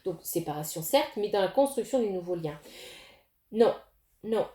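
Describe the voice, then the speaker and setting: A woman's voice: medium pitch, animated, normal speed, warm tone, reverberant. A woman giving a casual tarot reading to her viewers, talking directly to them with many fillers and restarts. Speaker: tarot reader.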